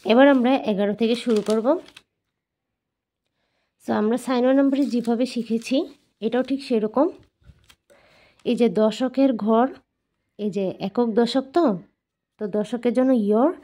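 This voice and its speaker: A woman teaching Korean numbers to learners, explaining patiently and repeating each word slowly several times. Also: a little high, warm tone. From Bangladesh. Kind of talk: explaining and drilling pronunciation.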